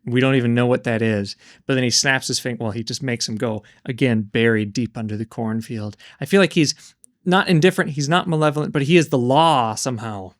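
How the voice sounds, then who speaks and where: A man co-hosting a casual book discussion. He thinks aloud in a questioning way, with hesitant ums and uhs, at a middle pitch. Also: fairly quick, dry recording, studio quality. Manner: thoughtful, questioning, with hesitant fillers. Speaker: book podcast co-host.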